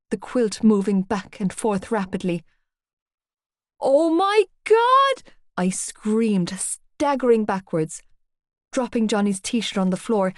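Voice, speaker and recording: A woman narrating a novel in the first person as an audiobook reader, expressive and breathless in her storytelling. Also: medium pitch, no echo, clean studio sound.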